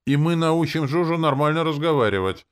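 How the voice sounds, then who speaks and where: A man's voice: fairly high pitch, lively intonation, a little fast, clean tone, voice pushed up, natural voice. A man voicing an eager small boy with a piping voice.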